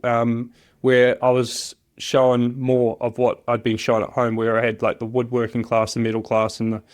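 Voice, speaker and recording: Speaking at a normal speed in a medium-pitched monotone, this interview guest is a job shop machinist from New Zealand with a matching accent. He rambles casually and hesitantly through stories from his own life.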